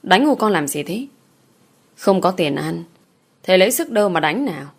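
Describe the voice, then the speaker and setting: Defiant young village daughter, sharp retorts, lowish voice, read by a woman. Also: very animated, normal speed, breathy edge, heavily acted. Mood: pleading.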